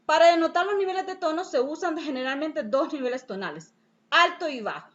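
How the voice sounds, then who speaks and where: A woman with a high voice reads a language lesson in a steady, explanatory way, like a teacher taking a class through it. The sound is dull and lo-fi. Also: brisk. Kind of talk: read-aloud lesson.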